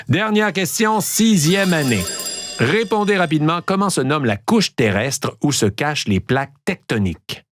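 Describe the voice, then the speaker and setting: A man's voice: medium pitch, a little hiss or hum. A man with a Québécois accent hosting a playful road-trip quiz, trained in theatre diction, full of joking asides. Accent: Québécois French. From Quebec. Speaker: host.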